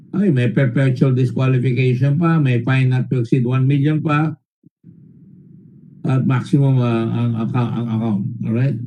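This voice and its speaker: Filipino man, committee chair, stern questioning, dark mellow tone, halting fillers, mixes English and Tagalog. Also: medium pitch, low-quality recording. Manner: stern, lecturing, with frequent halting fillers and repeated words; switches between English and Tagalog mid-sentence. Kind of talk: formal hearing interrogation.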